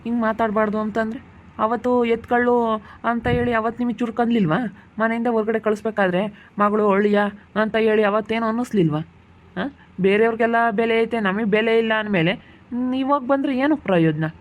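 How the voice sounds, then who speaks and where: Speaking fast in a high-pitched, steady, slightly bright voice, a man takes the role of an angry young husband protecting his sick wife. The amateur village family drama has him scolding again and again in a heated way.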